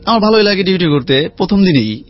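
Guy w rattling off a life story, quick and chatty, muffled lo-fi sound. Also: high-pitched. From Khulna region, Bangladesh. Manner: lively anecdotal storyteller, chatty. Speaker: guest. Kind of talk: casual life-story telling. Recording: dull lo-fi sound with faint music.

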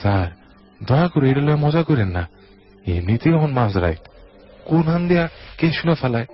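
A man's voice: mid-range voice, lightly acted. Timid village servant read by a male host, pleading, dull radio sound.

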